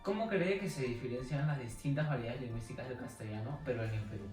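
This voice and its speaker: A man interviewing a guest, reading his questions briskly, as if from a script. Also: medium pitch, darkish tone, roomy sound, distant mic, faint music behind.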